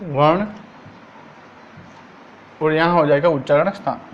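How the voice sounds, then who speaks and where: A man's voice: a little high, steady tone, dull audio, a little hiss or hum. A man teaching an exam-prep Hindi grammar lesson, asking each point as a question and answering it himself, drawing out the sounds as he recites them. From Rajasthan, India. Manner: drawn-out syllables while reciting sounds.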